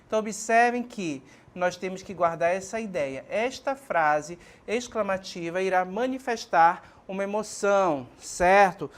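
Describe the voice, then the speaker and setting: Didactic Brazilian woman teacher. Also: mid-range voice. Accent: Brazilian Portuguese. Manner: didactic, frequent checking questions like ok and certo; addresses students warmly as minha gente and pessoal. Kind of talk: televised classroom lesson.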